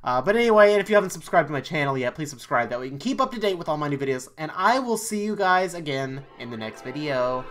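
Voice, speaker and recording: A man giving let's-play commentary on a horror game, easily startled, swearing often, and talking himself into calming down. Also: fairly high pitch, fast, few pauses, soft background music, poor audio. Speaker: YouTube let's player.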